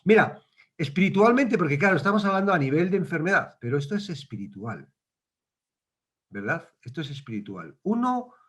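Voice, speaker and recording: A man's voice: a little high, fairly bright tone. A man teaching a casual Bible study, conversational, asking questions and acting out quotes.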